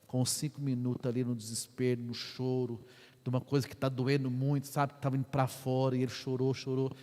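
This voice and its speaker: Echoey priest telling a story. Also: male voice, mid-range voice, a little fast. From Brazil. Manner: animated storyteller, swings from hushed to loud. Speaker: parish priest. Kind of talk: sermon storytelling. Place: church. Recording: echoey church with long reverb.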